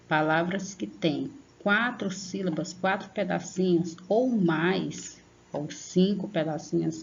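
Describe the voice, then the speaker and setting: Gravelly-voiced teacher woman, patiently explaining. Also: fairly low pitch, dull audio, slight background noise. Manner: patient, slow and drawn-out on example words, frequent "tá?" check-ins. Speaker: primary school teacher. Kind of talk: online lesson for young children.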